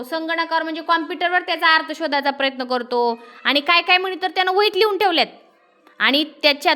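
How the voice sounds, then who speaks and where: Bright-voiced woman teaching a class. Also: very high voice. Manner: explains and quizzes the class. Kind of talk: classroom lesson, reading a story aloud.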